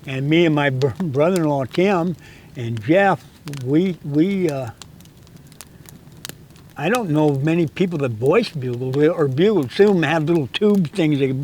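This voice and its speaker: Old man in his eighties, rambling, stammering, fairly high voice, outdoors, faint ambience. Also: expressive, a little slow, a little mellow, slight background noise, rough recording. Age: 80s. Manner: rambling, stammers and repeats words. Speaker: interviewed guest, hunting guide. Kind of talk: casual storytelling chat. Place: outdoors in a canyon.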